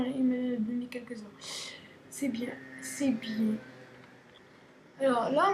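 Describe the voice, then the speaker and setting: High-voiced woman, chatty gaming commentary. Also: darkish tone. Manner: chatty and playful, many restarts, talks to viewers. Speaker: gaming video host. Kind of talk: casual game tutorial commentary. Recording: roomy echo, faint background hiss.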